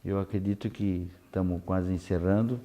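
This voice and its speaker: A man São hosting an unscripted conversational interview, haltingly repeating words as he searches for phrasing. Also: sits low, fairly even intonation, mellow. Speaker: interview host.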